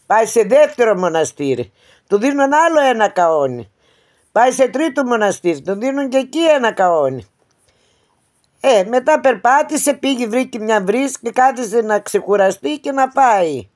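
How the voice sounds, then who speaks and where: A woman's voice: fairly high pitch, a little mellow. A woman with a narrating a folk tale in a plain, homely way, with restarts and frequent "she says". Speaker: storyteller.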